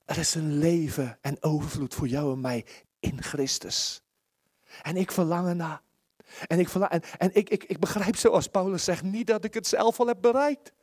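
Earnest high-voiced preacher man. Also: normal speed, no room sound, studio quality. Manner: earnest, pleading, with frequent restarts and shifts between loud and soft. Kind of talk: sermon. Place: church service, small room.

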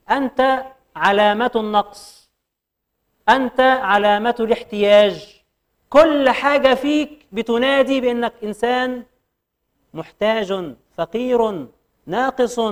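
A man with an Egyptian Arabic accent giving a religious lecture, firing rhetorical questions and reciting verses slowly. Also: very high voice. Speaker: preacher.

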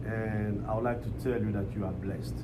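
A man's voice: lowish voice, fairly even intonation, normal speed. A man from Congo with a Congolese accent, speaking English as a second language, preaching as a visiting pastor and calling for amens. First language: not English. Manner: repeats phrases, calls for amens. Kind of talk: church preaching and prayer with call-and-response. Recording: noisy live church room.

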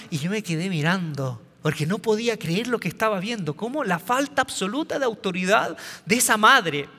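A man's voice: high voice, bright, forceful tone, big-room sound. A man giving a humorous talk on parenting, telling anecdotes with punchlines and often repeating or restarting his words. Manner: storytelling with punchlines and quoted voices. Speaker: speaker on parenting.

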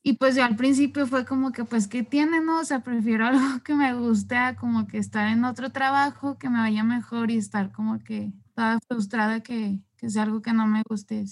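A young woman speaks up on a video call, a psychology student who talks in a chatty, rambling way full of fillers. Her voice sits somewhat high. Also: fairly even intonation, normal speed, hardly any pauses. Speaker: psychology student asking a question.

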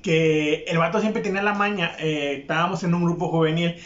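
A man's voice: on the high side, steady tone, fairly quick, fairly bright tone. A young man with a Mexican accent telling a crude personal anecdote in casual, profane, mocking talk. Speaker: storyteller. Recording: echoey room, dull lo-fi sound.

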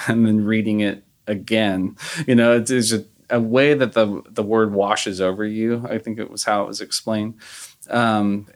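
A man hosting a podcast, easygoing and chatty, laughing often as he talks. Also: on the low side. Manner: easygoing, laughs often, many fillers like you know. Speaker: podcast host. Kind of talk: casual podcast chat.

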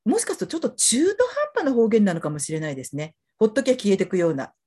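Husky, lively-voiced woman chatting. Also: mid-range voice, fast. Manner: chatty, frequent backchannel. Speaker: podcast co-host. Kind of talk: casual chat.

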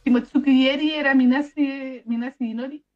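A woman's voice: high voice, steady tone, normal speed, dull audio, faint music behind. A Chilean woman co-hosting a podcast, chatting casually about an anime and often restarting her sentences. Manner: chatty, hesitant, trailing restarts. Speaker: podcast co-host. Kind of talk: casual anime review chat.

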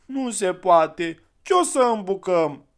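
A man voicing a thin, ragged village boy of seven or eight who is sullen and distrustful, in a raised, shouting child voice. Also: high-pitched, lively intonation, voice pushed up.

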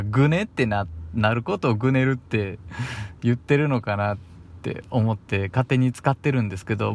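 A man's voice: mid-range voice, vocal fry. A young man with a Kansai accent chatting alone on the radio in a casual, rambling way, sounding a little bashful and chuckling between thoughts. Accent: Kansai Japanese. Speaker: radio host. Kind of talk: casual solo radio talk.

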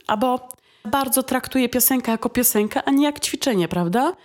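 A woman vocal coach giving a casual video lesson, chatty and often checking in with quick questions like "right?". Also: a little high, animated. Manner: acts out students and sings short demonstrations.

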